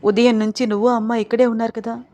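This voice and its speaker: A woman's voice: on the high side, little pitch movement, fast, dark tone, close to an everyday voice. A woman voicing a caring but firm sister-in-law in a read-aloud audio story.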